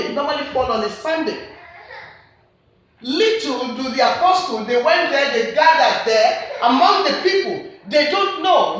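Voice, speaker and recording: Her voice sits high and sounds fairly bright as this Nigerian-accented woman delivers a church sermon. Earnest and emphatic, she keeps circling back to her main points. Everything rings out in a very echoey church hall.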